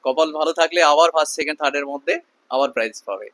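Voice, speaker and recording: A man giving an emphatic, repetitive sales pitch as a shopkeeper in a promotional video. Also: racing, a bit bright, no echo. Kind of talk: sales pitch to camera with customer chat.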